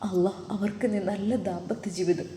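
A woman's voice: mid-range voice, steady tone, moderate pace, warm tone, a little hiss or hum, lightly acted. Woman voicing a sorrowful devout man. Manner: sorrowful inner monologue. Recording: echoey reverberant room.

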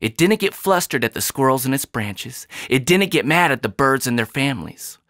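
A man's voice: medium pitch, normal speed, dry recording. A man in his thirties performing a rhymed spoken word poem into a studio microphone, with rhythmic, emphatic delivery. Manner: rhythmic, expressive rise and fall, emphatic line endings. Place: small bright home studio, indoors. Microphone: studio condenser mic on stand.

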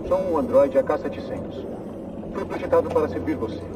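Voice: medium pitch, fairly quick, lightly acted. Actor as broken service android for a video game: courteous, formulaic, medium register, very noisy backdrop. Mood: programmed politeness. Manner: formal, programmed politeness. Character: damaged service android reciting its greeting and malfunction warning. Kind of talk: scripted video game voice acting. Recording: heavy noise behind, game ambience.

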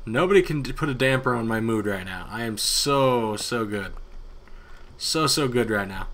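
A man giving casual, excitable commentary over his own gameplay, yawning and talking to himself. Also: mid-range voice, moderate pace. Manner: chatty and excitable, talks to himself, hums along. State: sleepy, yawning. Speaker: gaming YouTuber.

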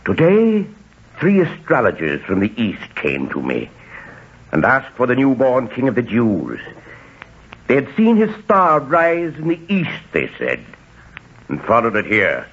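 A man's voice: mid-range voice, wildly swooping pitch, a little slow, breathy edge, exaggerated voice. An actor playing a paranoid, cruel biblical tyrant king in a theatrical, probing 1940s radio drama style. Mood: wary, scheming. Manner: theatrical, probing, sinister chuckling. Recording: dull 1940s radio recording.

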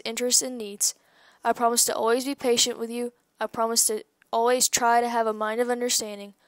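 A woman reads out vows as if rehearsing for a wedding. Her voice sits a little high and moves very little in pitch. She goes earnestly, sentence by sentence, in a dry, close sound with no room echo. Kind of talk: reading written vows aloud, like rehearsing wedding vows.

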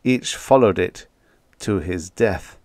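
A man voicing a calm but insistent male fighter pilot. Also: low voice, slow pace, no echo, studio quality. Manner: earnest, insistent.

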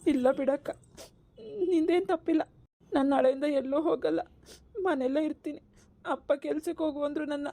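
A woman's voice: high-pitched, steady tone, a little fast, pauses often, dark tone, no echo. A woman voicing a small, meek cartoon boy who pleads through tears. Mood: tearful pleading. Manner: tearful pleading.

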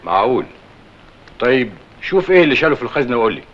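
A man's voice: medium pitch, sing-song, rapid-fire. A man playing a commanding surveillance chief with an Egyptian accent in an old film. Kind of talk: 1970s Egyptian film acting. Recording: dull old film soundtrack.

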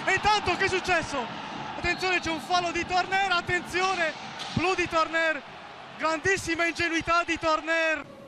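A man giving breathless, excited live goal commentary, shouting his calls and repeating words, in a noisy sports hall. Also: extremely high pitch, normal speed. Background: sports arena ambience.

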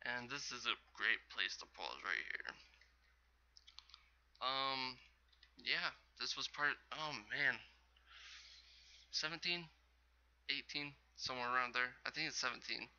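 A man's voice: mid-range voice, a little slow, long pauses, sharp tone, muffled recording. A man giving casual, rambling commentary over his own gameplay as host of a gaming channel, often correcting himself. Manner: rambling, chatty, self-correcting.

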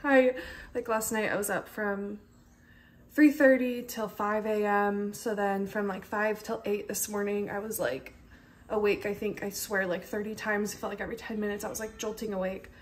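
Medium pitch, a level tone and normal speed mark this young woman's voice. Pregnant and tired, the stay-at-home mom vlogs casually from her spacious, bright home kitchen and living room, using many fillers. She speaks into a phone held at arm's length.

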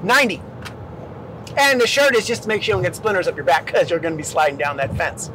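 A man's voice: high voice, fast talker, sharp tone, slight background noise, rough recording. A former Navy boat crewman telling a story casually to camera, acting out the quotes with big swings in his voice.

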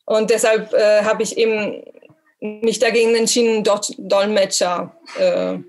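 A woman's voice: medium pitch, flat delivery, measured pace. A woman from Italy, a cultural mediator speaking hesitantly, with many fillers, in a casual dinner-table discussion. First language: Italian. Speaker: panel participant, cultural mediator.

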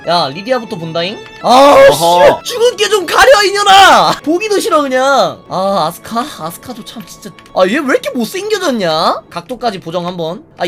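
A man streaming a fighting game, bantering crudely with lots of swearing, teasing and mock outrage, and answering viewer comments out loud. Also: sits high. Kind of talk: casual gaming stream commentary.

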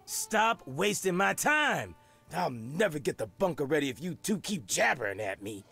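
An actor playing a paranoid, irritable store owner in a comedy video game, agitated and exasperated. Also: male voice, on the high side, big pitch swings, moderate pace, vocal fry, bright, forceful tone, slightly rough, full character voice. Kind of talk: animated comedy adventure game dialogue. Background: music.

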